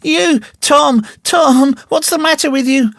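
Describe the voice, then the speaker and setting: Man doing a shrill, alarmed old aunt. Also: huge pitch swings, normal speed, fairly bright tone, dry recording, studio quality, exaggerated voice. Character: anxious older woman, scolding aunt.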